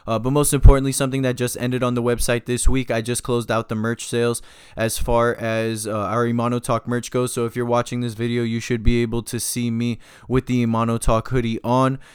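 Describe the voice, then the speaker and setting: A man's voice: mid-range voice, little pitch movement, brisk, clean tone, dry recording, clean studio sound. A man hosting his own podcast, wrapping up in a casual, laid-back monologue full of "uh" and "yo". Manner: laid-back, loose, with many fillers like "uh" and "yo". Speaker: podcast host.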